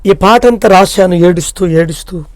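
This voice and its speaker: A man's voice: high voice, normal speed, dry recording. A middle-aged man from India with a Telugu accent, a pastor telling his personal testimony in a repetitive, pleading way. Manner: repetitive, pleading, tearful retelling.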